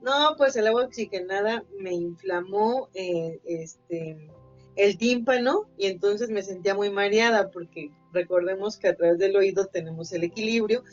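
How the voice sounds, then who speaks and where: A woman's voice: mid-range voice, moderate pace. Woman telling a personal story. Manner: anecdotal, acts out quoted voices, many fillers. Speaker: podcast co-host. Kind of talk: casual podcast chat. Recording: slightly dull lo-fi, faint music bed.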